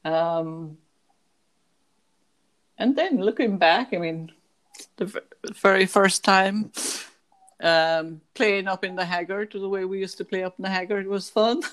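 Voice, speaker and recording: A woman's voice: medium pitch, a little slow, pauses often. A chatty woman with a west of Ireland accent from Kerry, reminiscing casually in an interview. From County Kerry, Ireland. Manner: chatty, frequently breaking into laughter.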